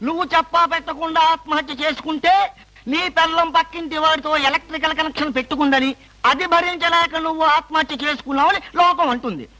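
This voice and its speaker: Scheming lawyer, mocking, very high voice, quick speech, comic film scene. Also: male voice, steady tone, bright, forceful tone, low-quality recording. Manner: mocking, teasing.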